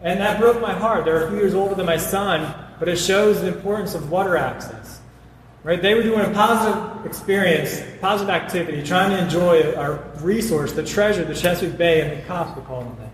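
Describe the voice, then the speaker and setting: A man running for city council, giving an earnest debate answer with quick restarts. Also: sits high. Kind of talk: debate speech. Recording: echoey hall with faint noise.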